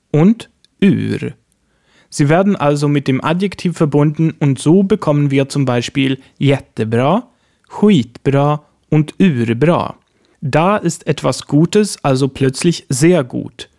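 A man presenting a scripted language lesson, his voice sitting a little higher than most men's. He slows down to lay out each example word with care. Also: darkish tone. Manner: slow, careful spelling out of example words. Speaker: language teacher host.

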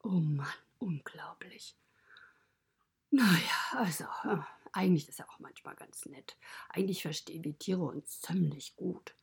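Brief: cozy farmyard animal storyteller, whispered and gravelly, lowish, voiced by a woman. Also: unhurried, heavily acted. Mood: friendly. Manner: mostly whispered, chatty and confiding. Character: friendly stable animal narrator, fond of children. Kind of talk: children's podcast storytelling.

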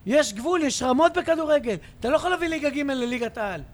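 Shouting high-voiced man. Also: animated, a loud crowd. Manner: loud, fiery, shouting and interrupting. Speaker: podcast panelist. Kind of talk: heated sports debate.

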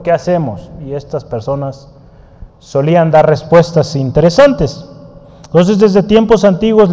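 A man's voice: fairly high pitch, mellow, big-room sound. A man teaching a Bible study lesson in a conversational way, often asking his listeners questions and writing on a board. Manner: writes on a board while teaching.

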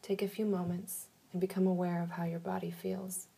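A woman leading a guided relaxation in a soft, soothing manner, giving slow instructions with long pauses. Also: fairly low pitch, flat delivery, creaky, breathy edge.

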